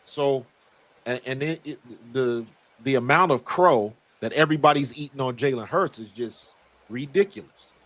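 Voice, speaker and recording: An American man with a hoarse, worn-out voice talks sports casually as a guest analyst, emphatic and blunt. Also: mid-range voice, moderate pace, a bit bright, poor audio. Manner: emphatic, blunt, repeats words. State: hoarse, very little voice left. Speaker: guest football analyst, former pro player.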